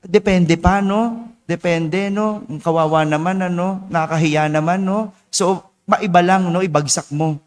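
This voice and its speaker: A male priest giving a homily at morning mass, chatty and teasing the congregation with quick asides. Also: high-pitched, steady tone. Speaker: parish priest. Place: church. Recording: long church reverb.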